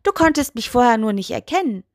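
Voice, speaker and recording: A cheeky little talking toe from a children's storybook, voiced by a woman. He sneers and teases in a high, bouncy voice that swoops up and down, and nothing anyone says impresses him. It sounds close and dry. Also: lively intonation, brisk, dry recording. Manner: insulting, smug, bratty.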